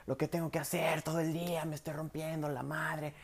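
A man voicing a gruff, irritable husband who talks curtly and dismissively. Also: a little high, level tone, fairly quick, voice pushed up.

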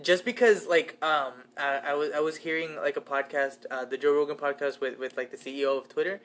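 Speaking a little fast, this twenty-something podcast co-host rambles casually with plenty of fillers and offhand swearing. His fairly high voice is a bit bright and holds a steady tone.

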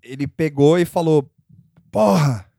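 A man's voice: fairly high pitch, lively intonation, moderate pace, no room sound, studio quality. A man telling a story in a casual chat, rambling with many fillers and frequent laughs.

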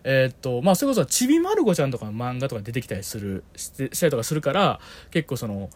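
A man in his thirties with a Kansai accent, chatting casually with his brother on a podcast as co-host, telling stories in an animated way and laughing often. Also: fast talker. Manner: animated storyteller, laughs often, lively rising pitch.

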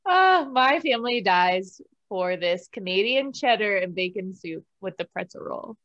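A woman chimes in with short, casual remarks at a middle pitch. Her sound is dull and dry, as if from a lower-quality mic. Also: animated, a little slow, a bit bright, no room sound. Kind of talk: casual chat.

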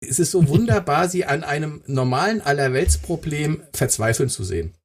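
A middle-aged man co-hosts a casual chat with a husky, very lively voice. He tells stories bluntly and colloquially, playing out the quoted bits. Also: a little high, moderate pace. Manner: animated storyteller, blunt and colloquial, acts out quotes. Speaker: co-host of a football talk show.

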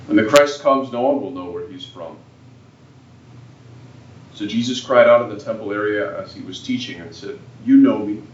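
A man serving as priest, reading scripture and preaching at Mass in a slow, measured way, his voice ringing with cathedral echo in a large church. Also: fairly low pitch. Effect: cathedral echo around the voice. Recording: echoey church from far off, dull and noisy.

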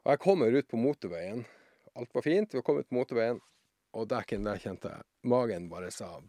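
A man telling a funny story as a podcast guest, acting out voices and shouting some lines. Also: medium pitch, no echo, studio quality. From southern Norway. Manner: animated anecdote-teller, acts out voices and shouts. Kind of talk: casual storytelling.

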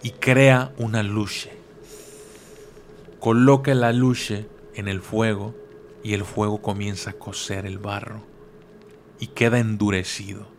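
A man's voice: on the low side, steady tone, slow pace, pauses often, a little hiss or hum. A man telling a folk legend casually, with slang asides and repeated words. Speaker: storyteller. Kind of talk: casual oral storytelling.

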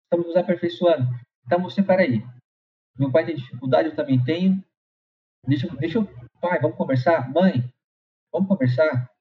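High-voiced São man giving encouragement. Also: a little fast, long pauses. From São Paulo, Brazil. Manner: conversational, repeats phrases and tags with "né". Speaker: motivational speaker. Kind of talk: motivational talk with personal anecdote. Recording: slightly dull lo-fi recording.

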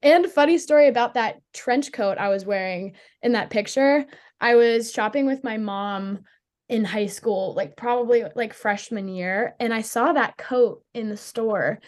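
A woman's voice: a little high, a little slow, a little mellow. A young woman from Pittsburgh, a college hockey player, chatting as a guest in a casual interview with a bubbly manner and plenty of "like" fillers. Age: young adult.

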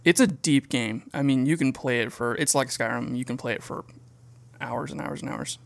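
A man co-hosting a podcast in a relaxed, casual chat, with lots of filler words and frequent laughter. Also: medium pitch, normal speed, vocal fry. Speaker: podcast co-host.

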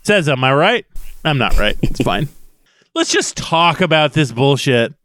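Guy cracking jokes and cursing, beer in hand, kinda high voice, dry close sound. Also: sing-song, measured pace, fairly bright tone, no echo. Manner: joking, irreverent, swears freely. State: drinking beer while talking. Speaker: podcast co-host. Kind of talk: casual book discussion.

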